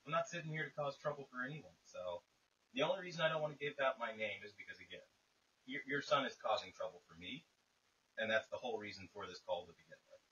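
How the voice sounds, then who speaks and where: A man with a medium-pitched voice that sounds pushed and bright is calling someone and arguing insistently, using wordy, formal phrasing. The tense conversation comes through a hissy, lo-fi phone recording that sounds distant.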